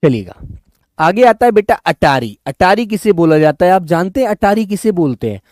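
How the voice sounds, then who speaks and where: A man teaching in a live online class, coaxing his students and drilling words by repeating them slowly. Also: high voice, sing-song, darkish tone, dry recording, clean studio sound. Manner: coaxing, addresses students as children and brothers. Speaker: Hindi teacher.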